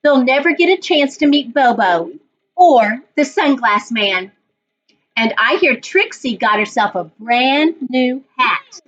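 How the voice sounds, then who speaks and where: A woman's voice: high-pitched, expressive, takes it slowly, a bit bright, heavily acted. A woman voicing a wise, spirited storybook grandmother, chiding lovingly with emphatic delivery. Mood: gently firm. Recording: dull lo-fi online recording.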